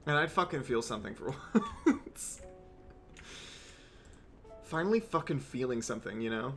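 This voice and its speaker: A man's voice: medium pitch, sing-song, moderate pace, a bit bright, faint music behind. A young man streaming a game, rambling wryly with swearing asides as he plays. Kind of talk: casual gameplay commentary.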